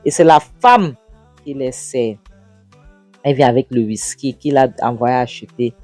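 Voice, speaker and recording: A woman's voice: a bass voice, measured pace, mellow, faint music behind. A woman narrating a film recap in a casual way, retelling the scenes and often repeating and restarting her words.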